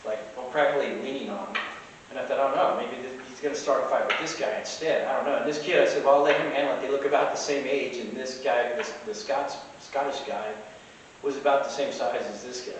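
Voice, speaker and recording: A man's voice: mid-range voice, fairly even intonation, quick pace. A middle-aged man, a tavern keeper, telling a casual rambling anecdote full of restarts and fillers, recorded inside the tavern. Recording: very echoey, distant, faint hiss.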